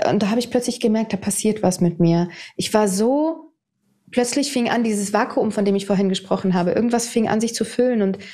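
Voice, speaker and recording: A woman in her fifties, a TV presenter, telling her personal story to an interviewer in a candid, animated way. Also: mid-range voice. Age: 50s. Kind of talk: personal testimony in conversation.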